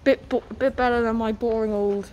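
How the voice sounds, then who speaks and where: A young woman with a North East English accent and a fairly high voice, slightly muffled by a mask. She gives casual running commentary as a train-spotting vlogger. She is recorded outdoors on a platform with some vehicle noise around her. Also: steady tone, moderate pace, darkish tone. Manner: announces train numbers and destinations. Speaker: host of a train-spotting vlog. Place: outdoors on a railway station platform.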